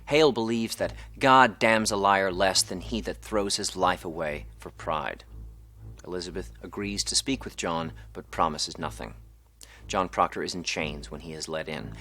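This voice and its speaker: A man reading a scripted plot summary in a measured, evenly paced way, with faint music behind. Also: deep voice, bright, forceful tone. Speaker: narrator. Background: faint background music.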